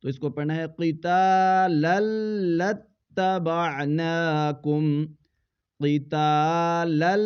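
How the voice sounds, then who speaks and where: A man teaching Quran recitation who spells words out letter by letter and then chants them slowly in a drawn-out voice. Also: fairly high pitch, clear, resonant tone. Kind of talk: slow spelled-out recitation lesson. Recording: dull lo-fi sound.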